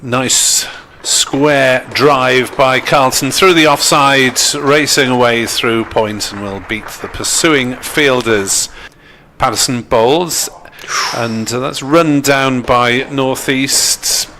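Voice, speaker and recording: A man commentates live on cricket with a bright, clear-cut edge to his voice. He takes his time, describing each ball in a measured way, with faint ground ambience behind him. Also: medium pitch, a little hiss or hum.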